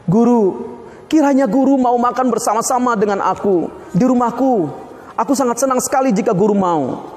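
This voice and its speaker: A man's voice: very high voice, moderate pace, darkish tone, pitched above the performer's own voice. A man doing an eager, polite host. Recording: long hall reverb.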